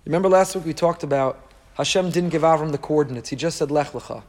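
A man's voice: a little high, quick pace. A man giving a rabbi's sermon to a class, emphatic, repeating key phrases and posing rhetorical questions. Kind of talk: sermon, Torah lecture to a live group.

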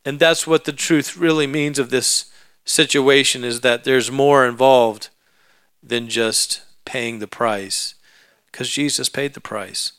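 A man's voice: mid-range voice, takes it slowly, a bit bright, clear, resonant tone, dry recording. A man preaching a sermon, telling a personal story in a conversational way that builds into emphatic preaching.

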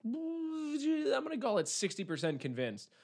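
A man co-hosting a casual podcast chat, sarcastic and animated as he makes his case. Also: extremely high pitch, a little slow. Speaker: podcast co-host.

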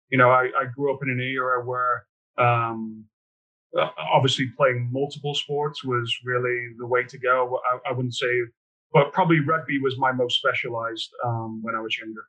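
A man from near chats as a podcast guest, relaxed and dotted with ums and uhs. His voice is bright and forceful. The audio sounds a little dull and lo-fi. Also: mid-range voice. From England, near Liverpool. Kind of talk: casual interview chat.

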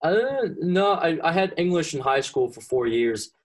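A young Flemish-speaking golfer from Belgium gives an interview in a somewhat high voice at a measured pace. He answers casually and easily, with frequent ums and restarts.

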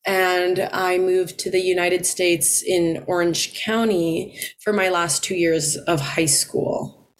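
A young woman college swimmer from the Philippines, answering interview questions in a relaxed way with frequent ums and light laughs. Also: lowish voice, slow, a little hiss or hum. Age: 20s.

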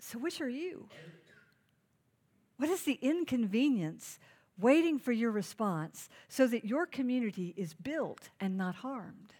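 A woman's voice: fairly high pitch, lively intonation, measured pace, a little mellow. A woman pastor preaching a sermon, stressing key phrases by repeating them and putting direct questions to her listeners. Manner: emphatic, repeats key phrases for note-taking.

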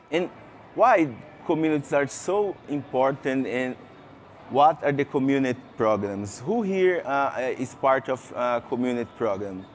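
In a conference session room, a male speaker from Brazil, a native Portuguese speaker with a Brazilian accent, presents a talk in a mid-range voice. There's a slight hiss or hum behind him. He stumbles through many fillers and restarts while quizzing the audience.

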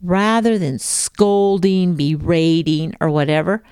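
A middle-aged woman and homeschooling teacher speaking to parents in a measured, emphatic, folksy way. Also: on the low side, a little mellow, smooth, dry recording, clean studio sound. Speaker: homeschooling teacher giving a talk. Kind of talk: talk to parents.

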